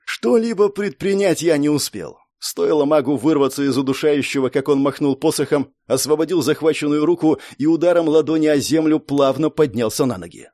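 A man's voice: on the high side, a little fast, hardly any pauses, dark tone, dry recording, studio quality. A man narrating first-person fiction in a dramatic audiobook style, intense and breaking into strained outbursts for the hero's inner thoughts.

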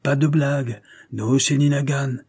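A man voicing a gruff, mocking middle-aged ship skipper in a storybook reading, his voice raised higher and louder than his narration. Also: normal speed, no echo, clean studio sound. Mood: furious. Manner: gruff, teasing, then urgent.

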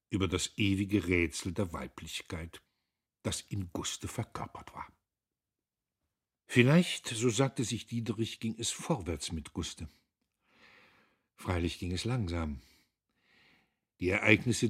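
A man with a husky voice narrating a classic novel as an audiobook, in an expressive, theatrical reading. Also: low voice.

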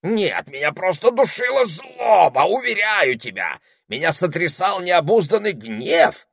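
A man voicing a shrill, pompous male ermine duke in an audiobook, blustering and squealing. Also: big pitch swings, measured pace, gravelly, breathy edge, full character voice. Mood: gushing. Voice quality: piercing squeal, shouting. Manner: theatrical, self-important. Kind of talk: audiobook character voice.

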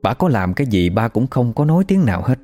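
A man's voice: medium pitch, big pitch swings, quick pace, warm tone, soft background music. A man telling a first-hand story in a casual, conversational way.

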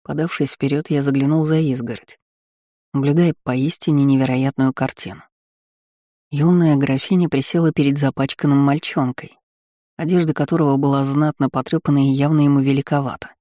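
A man giving steady, measured first-person narration of a storybook. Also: medium pitch, dry recording, clean studio sound. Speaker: audiobook narrator.

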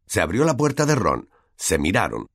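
A man with a Latin American accent, reading an audiobook as an expressive storyteller. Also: lowish voice, moderate pace, no room sound, studio quality. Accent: Latin American Spanish. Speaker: audiobook narrator. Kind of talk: scripted narration.

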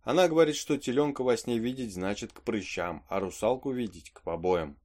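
A man's voice: mid-range voice, brisk, a little mellow, lightly acted. A man voicing a rambling superstitious peasant servant. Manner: chatty folksy storytelling with asides. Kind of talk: audiobook reading of a play.

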